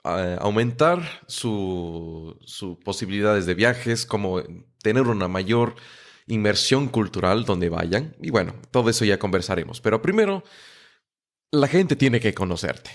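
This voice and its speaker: A podcast host with a lowish, expressive voice interviews a guest at an unhurried pace. He's friendly but often repeats words, restarts, and trips over his phrasing now and then.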